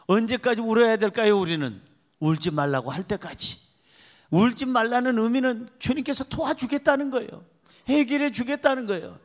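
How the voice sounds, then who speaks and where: A man preaching a sermon as pastor, emphatic and repetitive, calling on the congregation to respond. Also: sits high.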